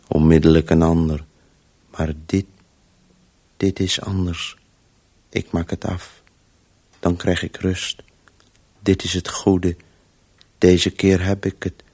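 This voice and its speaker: This Dutch radio play monologue features a radio drama actor with a very deep, weary male voice. He plays the driven inner voice of a man who can't stop telling stories, speaking in fragmented, terse, monotone bursts that carry a sense of urgency.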